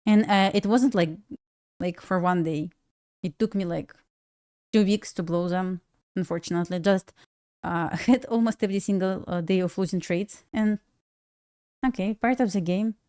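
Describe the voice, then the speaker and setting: A young Belarusian host, a native Russian speaker with the matching accent, banters with viewers on a casual trading livestream, often laughing and falteringly starting over. Her voice is medium in pitch and warm in tone.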